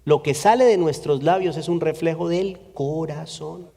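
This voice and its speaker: A man's voice: fairly high pitch, moderate pace, vocal fry, mellow. A man preaching a sermon earnestly in a church, repeating phrases for emphasis. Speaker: pastor. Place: church sanctuary. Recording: long church reverb.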